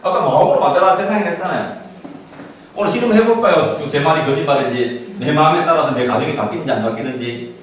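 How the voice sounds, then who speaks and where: A man's voice: a little high, quick pace. A man teaching a parenting course to an audience. He acts out lines of parents and children and laughs often. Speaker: parenting instructor. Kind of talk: lecture to parents. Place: lecture room. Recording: echoey hall, far from the mic, faint noise.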